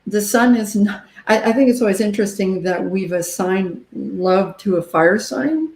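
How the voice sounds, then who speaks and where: A woman who is a guest astrologer speaks reflectively in a casual group chat on a video call, sometimes losing her thread. Her voice is medium-pitched and darkish, at normal speed. The video call audio echoes, her line sounding as though she were in a cave.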